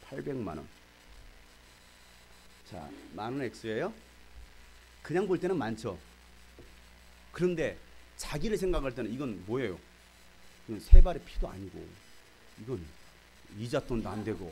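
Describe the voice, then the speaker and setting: A man's voice: medium pitch, sing-song, moderate pace, pauses often, a little mellow, slight background noise. A middle-aged male pastor giving a sermon. He tells the story dramatically and quizzes his congregation.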